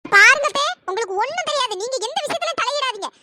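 A performer voicing a sharp-tongued, furious middle-aged mother in a cartoon, scolding and shouting. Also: very high voice, expressive, quick pace, heavy background noise. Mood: angry scolding. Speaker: angry aunt. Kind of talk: pitched-up cartoon voice acting.

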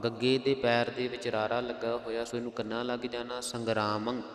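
A man with a Punjabi accent who teaches scripture recitation. He chants verses in a slow, melodic way and then explains their pronunciation in quick spoken asides. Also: mid-range voice, level tone. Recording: echoey hall sound.

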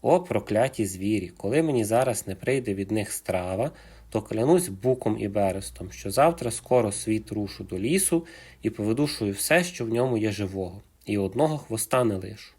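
A man voicing a huge, furious, hungry male bear who roars out threats in a husky voice. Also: lowish voice, expressive, moderate pace. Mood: roaring angry. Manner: roaring, shouting threats.

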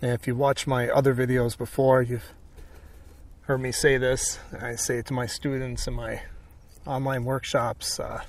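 A painting instructor gives casual tutorial commentary, thinking aloud in short phrases while he works. His middle-pitched voice is flat and moderately paced, and he sits a little way from the microphone.

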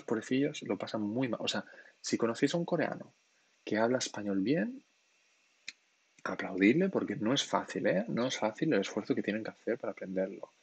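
Husky-voiced man teaching on a livestream. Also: fairly low pitch, no echo. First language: Spanish and Catalan. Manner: patient, explanatory, keeps checking in with "¿sí?". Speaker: Korean language teacher on a livestream. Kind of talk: live-stream lesson, reading chat questions.

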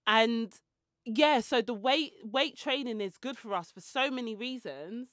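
A podcast host in her forties speaks unhurriedly in a fairly bright voice on the high side. She chats casually into a handheld mic held close, rambling into tangents and self-mocking asides, in a small indoor room with shelves and clothes rails. The recording is studio quality with no echo.

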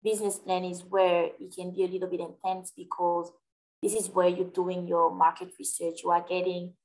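A native French speaker with a French accent answers questions during a live webinar on a video call, explaining things in a friendly way despite many hesitant fillers. Her fairly low, slightly mellow voice barely moves in pitch at a normal speed. The webcam audio is rough.

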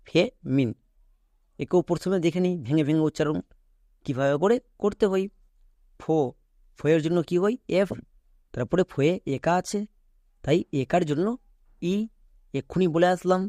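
A man's voice: a little high, normal speed, long pauses, warm tone, dry recording, clean studio sound. A man whose first language is Bengali teaching English pronunciation step by step. He repeats each sound and answers his own questions. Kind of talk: step-by-step spelling lesson.

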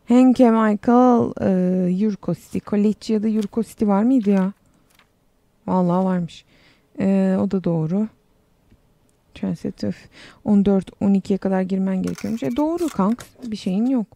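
A woman's voice: mid-range voice, unhurried, creaky, mellow, no room sound. A young woman casually commenting on a game while she plays, chatty and sarcastic, reading the game text aloud as she goes. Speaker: game streamer.

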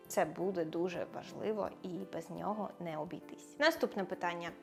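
A young woman teaching a grammar lesson in a playful, ironic way, explaining step by step. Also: mid-range voice. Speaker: language teacher. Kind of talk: scripted video lesson.

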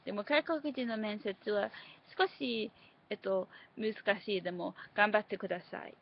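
A woman's voice: medium pitch, moderate pace, creaky. A woman from Britain, a native English speaker, talking in careful, hesitant learner's Japanese with many fillers. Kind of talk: casual chat. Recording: dull lo-fi home recording.

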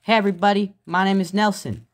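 A man's voice: sits high, steady tone, fast talker, voice pushed up, lightly acted. Man doing an earnest, goofy puppet schoolboy. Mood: eager. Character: eager, helpful bookish schoolboy sock puppet. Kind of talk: amateur sock puppet comedy.

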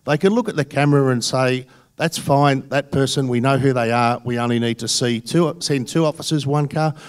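On a theatre stage panel, a middle-aged Australian election candidate answers the audience at a candidates' forum, a handheld mic held close. His middle-pitched voice is smooth and moderately paced. He sounds earnest and insistent, repeating phrases to stress his points.

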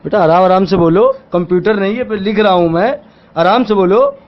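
A man's voice: high voice, fairly quick. A middle-aged man playing a shopkeeper in a comic phone sketch, impatient and bursting into crude swearing. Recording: dull lo-fi audio.

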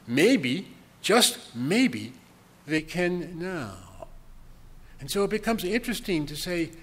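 A man's voice: a little high, fairly bright tone. Older man giving a keynote in a hall. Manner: conversational, chuckling asides, frequent ums. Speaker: keynote speaker. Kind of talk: conference keynote lecture. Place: large conference hall with audience. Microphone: podium microphone. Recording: long hall reverb, faint room noise.

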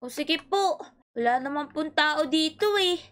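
A woman with an extremely high, squeaky voice hosts a playful game role-play. She talks politely and excitably and keeps fussing over her friend. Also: unhurried.

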